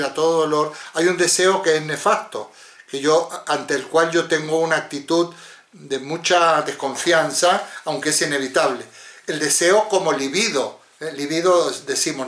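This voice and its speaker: A man with a slightly high, somewhat bright voice moderates a philosophy seminar over a video call, recorded with a roomy echo. His talk is discursive and often ends in tag questions.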